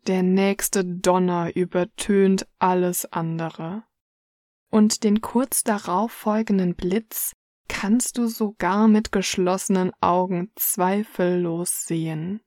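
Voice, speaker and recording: Slow soothing woman narrating a relaxation story. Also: fairly low pitch, fairly even intonation, no room sound, clean studio sound. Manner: slow soothing second-person narration, soft and hushed.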